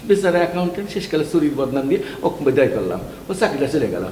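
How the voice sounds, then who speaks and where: An actor playing a scheming brother-in-law who wheedles and talks fast. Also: male voice, a little high. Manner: wheedling, fast-talking, animated. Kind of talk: TV drama acting. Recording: echoey room, faint noise.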